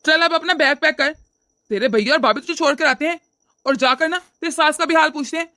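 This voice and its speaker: A woman's voice: sits high, a little fast, sharp tone, no echo, clean studio sound. A woman voicing a stern older father in a cartoon, lecturing his wife and daughter reproachfully. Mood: scolding. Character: stern scolding older father-in-law, man. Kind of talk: cartoon voice acting.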